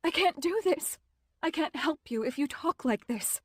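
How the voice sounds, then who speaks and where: A woman's voice: high-pitched, expressive, moderate pace, dry recording, pitched above the performer's own voice. Woman narrator as a young heroine: tense, insistent, dry booth. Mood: upset insistent. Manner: strained and insistent. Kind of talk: audiobook character voicing.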